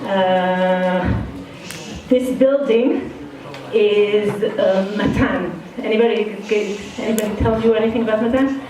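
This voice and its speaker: A woman's voice: medium pitch, slow, dark tone. A middle-aged woman from Israel with an accent that is part Israeli and part Brooklyn, speaking frankly and casually as a guest speaker to students in an indoor study hall. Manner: frank, casual, self-deprecating. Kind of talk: informal talk to students. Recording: very echoey hall, far from the mic.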